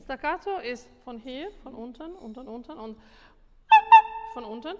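Woman vocal coach, fairly high voice, animated and repetitive, tired, long reverb of a school room. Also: normal speed. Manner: animated, repeats words, mixes in English. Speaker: singing teacher. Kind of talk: masterclass coaching.

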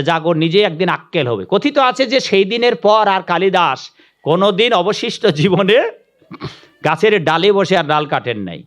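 A male preacher with a fairly high voice tells a religious folk tale as a sermon. He is animated, stops to comment to his audience, and slips into the characters' voices as he goes.

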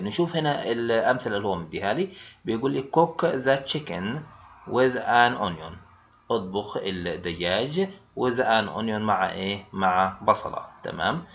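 A man's voice: fairly low pitch, fairly bright tone. A man with an Egyptian Arabic accent teaching an online English grammar lesson. He keeps asking questions and answering them himself. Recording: dull lo-fi sound.

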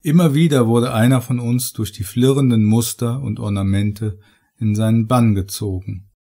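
A man reading first-person horror audiobook narration in a measured, dramatic way. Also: mid-range voice, steady tone, vocal fry, dark tone.

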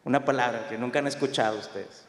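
A young man from Mexico with a northern Mexican accent, a pastor telling a lively story and acting out the voices in it. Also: mid-range voice, fast talker. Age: young adult. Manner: animated, acts out quoted voices. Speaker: pastor giving a talk. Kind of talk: storytelling talk. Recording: echoey hall.

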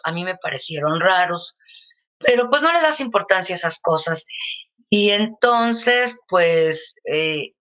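Older woman, Mexican accent, interview guest: low, forceful, anecdotal, dull lo-fi sound. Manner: lively anecdotal telling with many fillers. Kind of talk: casual storytelling in an interview.

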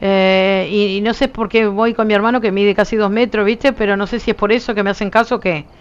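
A woman with a Uruguayan Spanish accent chats casually with her viewers as a streamer, her voice nearly gone. She's emphatic and insistent, talks with her hands in her voice, and keeps dropping "¿viste?". Her medium-pitched voice is steady and a little fast, with a clean tone, though the audio sounds dull.

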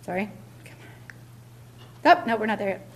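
A woman's voice: mid-range voice, animated, measured pace, a little hiss or hum. A middle-aged woman giving a keynote lecture at a podium in a large lecture hall, emphatic, repeating key words, with frequent ums. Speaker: keynote speaker. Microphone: podium mic, filmed from far back.

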